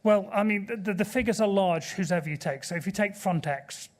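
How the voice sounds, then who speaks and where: On a conference panel in a large auditorium, a middle-aged man from a sea rescue group answers into a table microphone. He sits high and presses his point in an earnest, measured way.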